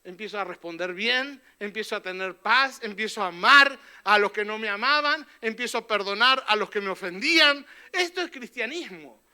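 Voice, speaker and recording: A man's voice: sits high, animated, normal speed, few pauses, sharp tone, smooth. A man preaching a fervent church sermon as pastor, often tossing in questioning tags to his listeners.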